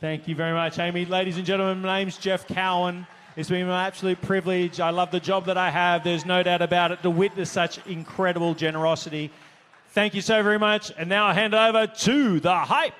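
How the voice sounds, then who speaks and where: High-voiced Australian auctioneer calling bids. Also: male voice, fairly even intonation, a bit bright, a little hiss or hum. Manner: rapid rhythmic bid calling, booming and playful. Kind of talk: live charity auction calling. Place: large hotel ballroom gala.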